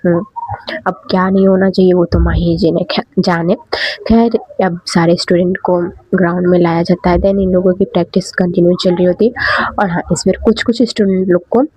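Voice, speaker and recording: A woman's voice: fairly low pitch, flat delivery, brisk, a little mellow, breathy edge, no room sound. A woman narrating a story in a casual, chatty way, mixing in English words. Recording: dull, dry, close recording.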